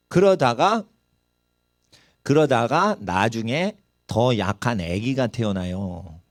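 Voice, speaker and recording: Animated preaching man, close dry sound. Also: mid-range voice, dry recording. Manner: animated preaching, dramatizing quoted voices and regional dialects. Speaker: pastor. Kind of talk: sermon.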